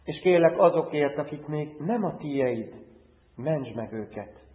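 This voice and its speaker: A man's voice: on the high side, animated. A man pastor preaching and leading a prayer in a church, in an earnest, rhythmic preaching cadence. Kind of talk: sermon and spoken prayer. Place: church hall. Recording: tinny phone-like sound with long church reverb.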